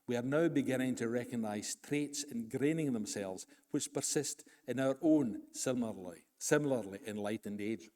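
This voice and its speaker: A man giving a formal live lecture, reading a prepared text in a measured way with the odd dry aside. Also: mid-range voice, darkish tone. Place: lecture hall, recorded live. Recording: long reverb of a lecture hall.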